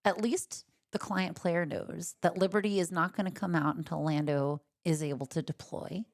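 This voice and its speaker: A woman's voice: fairly low pitch, steady tone, moderate pace. A woman co-commentating a card game tournament in a casual, chatty way, with lots of fillers and jokes. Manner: chatty, filler-heavy, jokey. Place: empty gaming room at a cafe.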